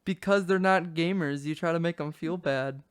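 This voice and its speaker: A young man co-hosting a podcast in loose, casual conversation. He teases his co-host and reacts excitably, with some swearing. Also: a little high, normal speed, smooth. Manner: teasing, excitable banter.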